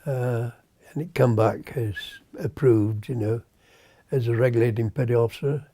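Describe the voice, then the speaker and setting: A hundred-year-old British man, a navy veteran, remembering his service in a halting, unscripted way, searching for words and trailing off. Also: mid-range voice, fairly even intonation, dark tone, no room sound. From Britain. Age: 100.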